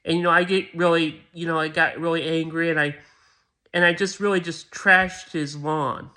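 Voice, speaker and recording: A man tells a casual story in a rambling, halting way, restarting his sentences often. His voice sits a little high, with a bright, tense edge. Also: level tone.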